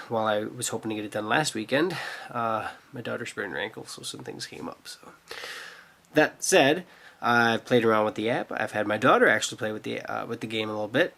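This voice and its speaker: Congested and getting over a cold, a male app reviewer and host gives casual, meandering commentary over a mobile game demo. His medium-pitched voice sounds stuffed-up and nasal, creaky, and fairly bright.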